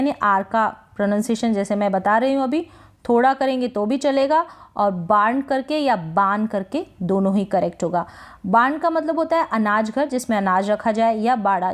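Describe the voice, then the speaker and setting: Teacher: woman, slightly high voice, slow and patient, stretches out each word. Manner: drawn-out demonstrations of each word; asks and answers her own questions. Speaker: English teacher. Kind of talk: slow spoken lesson.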